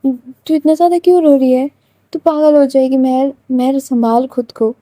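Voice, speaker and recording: A woman reading a storybook, putting on a young woman who chides herself while crying. The voice is high but mellow and dark in tone, and the recording is close and dry. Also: steady tone, normal speed, no echo, natural voice. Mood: tearful. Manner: self-scolding, tearful. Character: young woman scolding herself through tears.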